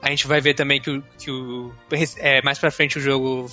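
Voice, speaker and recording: A man's voice: mid-range voice, little pitch movement, normal speed, sharp tone, faint music behind. A man co-hosting a casual gaming podcast, rambling with many restarts and fillers. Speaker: podcast co-host.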